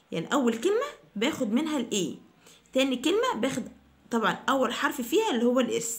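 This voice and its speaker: A woman with an Egyptian Arabic accent teaching children vocabulary, repeating each word slowly. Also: fairly high pitch. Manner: slow, drawn-out repetition of each word. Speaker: English teacher.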